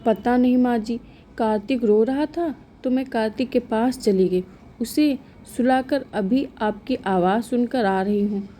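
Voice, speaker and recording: A woman's voice: on the high side, a little slow, warm tone, slight background noise, close to an everyday voice. A woman voicing a meek, dutiful young daughter-in-law in a storybook tale, polite and respectful. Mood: worried.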